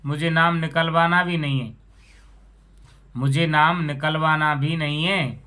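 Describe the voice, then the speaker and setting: A man's voice: on the high side, fairly even intonation, unhurried, pushed and bright, clear, resonant tone. A storyteller voicing a plain village farmer who earnestly explains what he saw on the road.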